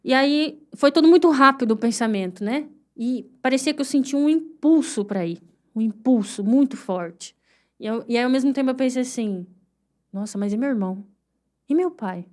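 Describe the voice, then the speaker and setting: Young Brazilian woman, fairly high voice, heartfelt testimony, halting and repeating herself. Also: darkish tone. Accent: Brazilian Portuguese. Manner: earnest, halting storytelling with pauses and repetitions; vivid, heartfelt retelling of painful memories. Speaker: guest sharing her testimony. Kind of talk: emotional personal testimony.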